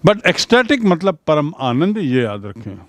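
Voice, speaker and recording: A man teaching English vocabulary, saying example sentences slowly and explaining them in Hindi. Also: fairly high pitch, big pitch swings, no echo, clean studio sound.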